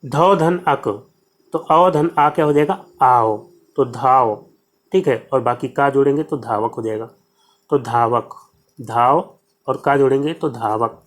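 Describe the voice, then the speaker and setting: In an unhurried, mid-range voice, a Hindi-accented man teaches grammar for exam preparation. His explanation moves step by step, he raises questions and supplies the answers, and he leans on "ठीक है" a lot.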